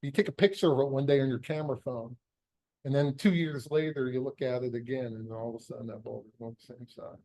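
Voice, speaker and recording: Over poor audio, a middle-aged American pediatric epilepsy surgeon lectures conversationally on medicine, fast and emphatic, tossing out rhetorical questions. As a physician lecturer, he has a medium-pitched voice with a dark tone.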